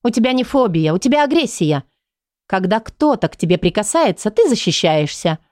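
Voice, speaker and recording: A woman reading the lines of a calm, persistent female psychologist in an audiobook. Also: medium pitch, moderate pace, dry recording, clean studio sound, natural voice. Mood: insistent.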